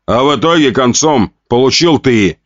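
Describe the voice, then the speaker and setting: A man's voice: medium pitch, animated, moderate pace, no echo, dull audio, voice pushed up, close to an everyday voice. A man voicing a powerful duke who harshly scolds his son with scorn and mockery. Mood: mocking.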